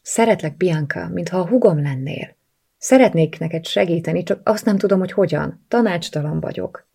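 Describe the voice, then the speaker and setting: A woman's voice: lowish voice, creaky, dark tone, husky. A woman voicing a caring outspoken friend. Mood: gentle.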